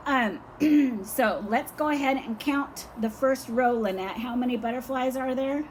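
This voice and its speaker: A teacher, an older woman, guides a young child through a lesson patiently and encouragingly. She speaks slowly in a somewhat high voice that is hoarse and fading. The rough recording has a little hiss or hum, with faint outdoor sounds behind her.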